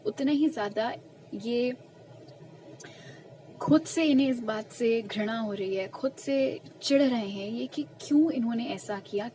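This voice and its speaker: Young woman doing a tarot reading, kinda high voice, earnest and emphatic, faint hiss behind. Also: poor audio. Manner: slow, soft murmured questions while shuffling cards. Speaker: tarot reader. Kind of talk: pick-a-card tarot reading.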